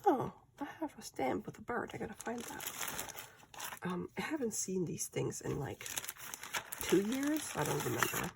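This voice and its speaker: Lady doing crafts at home, talking real quiet and hushed, kinda creaky, almost whispering, noisy background. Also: mid-range voice, sing-song, moderate pace. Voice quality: soft, often slipping toward a whisper. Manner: hushed, quiet talk so as not to wake a sleeper. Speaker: craft video host. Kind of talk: casual craft-along chat. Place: indoors at home, at a craft table.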